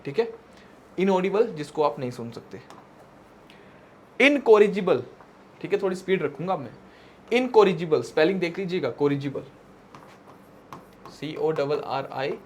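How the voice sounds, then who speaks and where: A man teaching English vocabulary for an exam in a mixed Hindi and English lecture, reading English definitions out slowly and checking in with students. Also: fairly high pitch. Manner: tag questions to students.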